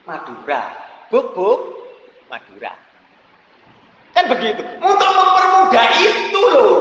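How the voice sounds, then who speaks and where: A man giving a religious lecture, animated, with laughing asides and sudden shouts. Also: very high-pitched. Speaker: preacher. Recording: echoey hall, dull lo-fi sound.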